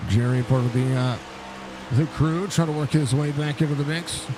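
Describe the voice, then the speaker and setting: Over clear race car engine noise, a man with a slightly high voice delivers casual, chatty live sim racing commentary at a moderate pace. He talks directly to viewers and drivers, barely opening his mouth after facial surgery.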